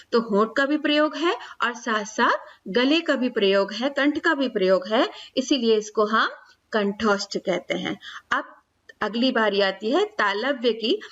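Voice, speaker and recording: A woman grammar teacher with a fairly high voice explains pronunciation to children step by step. She speaks each sound aloud slowly and repeats it. The recording is dull and lo-fi. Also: fairly bright tone, distant mic. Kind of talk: classroom explanation for schoolchildren.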